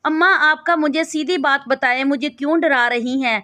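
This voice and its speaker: A spirited young bride from a spoken storybook, read by a woman. The voice is high and insistent, pressing her case again and again. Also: fairly even intonation, bright, forceful tone, no echo. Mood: pleading. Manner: pleading, insistent reading.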